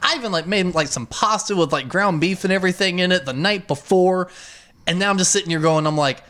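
A man chatting casually and telling stories in a rambling, animated way with plenty of swearing. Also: sits high, brisk. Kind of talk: casual chat, storytelling.

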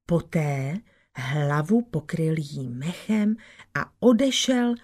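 A woman reading a folk tale aloud in a measured storytelling manner, dropping to soft whispers now and then. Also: low-pitched, big pitch swings.

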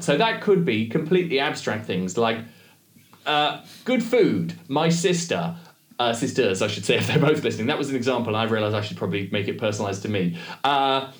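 A man co-hosting a podcast, talking in a chatty, jokey way that often wanders off into asides. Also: medium pitch. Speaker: podcast co-host. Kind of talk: casual chat. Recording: roomy echo.

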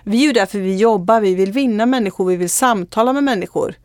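A woman's voice: medium pitch, a little mellow, no echo. Earnest Swedish-speaking woman, dry sound. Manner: earnest storytelling with frequent fillers. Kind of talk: casual testimony in conversation.

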